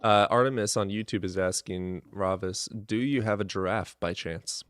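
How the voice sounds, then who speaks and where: A man's voice: deep voice, moderate pace, fairly bright tone, dry recording, clean studio sound. A man bantering casually on a voice call, blunt and teasing in the way he talks. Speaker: panelist on a live debate stream. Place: online voice call.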